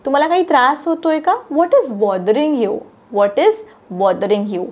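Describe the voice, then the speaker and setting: Marathi-accented woman teacher, high voice, says every english line slow and careful twice. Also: big pitch swings, darkish tone. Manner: repeats each English sentence slowly and carefully. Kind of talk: language lesson, reading sentences slowly.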